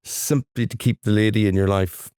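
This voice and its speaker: A middle-aged man, co-hosting a casual podcast in an easygoing, halting way. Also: on the low side, fairly even intonation, mellow, clear, resonant tone, no room sound, clean studio sound. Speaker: podcast co-host. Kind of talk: casual chat.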